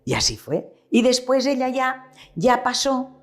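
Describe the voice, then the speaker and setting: A woman's voice: sits high, a little slow. A woman in her seventies with a Valencian-tinged Spanish accent, reminiscing in an interview about her family's shop and acting out the dialogue she remembers. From Petrer, eastern Spain. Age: 70s. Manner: animated storyteller who acts out remembered dialogue. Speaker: retired shopkeeper.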